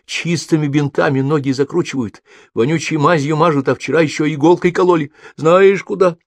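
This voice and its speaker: A man's voice: on the high side, brisk, dry recording, voice pushed up. A man putting on a whiny little peasant boy. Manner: whining, pleading. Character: tearful little peasant boy, scared patient. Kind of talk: audiobook character voice.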